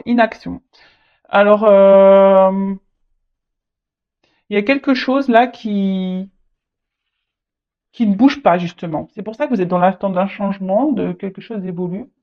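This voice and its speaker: A tarot reader giving a casual reading, speaking haltingly, repeating words and adding frequent tag words. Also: mid-range voice. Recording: dull lo-fi recording.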